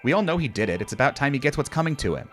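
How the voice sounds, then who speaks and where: A brash young boy who blurts everything out, as a narrator puts him on, pitched up and loud over a faint music bed. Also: big pitch swings, very fast. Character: blurting, hotheaded twelve-year-old boy.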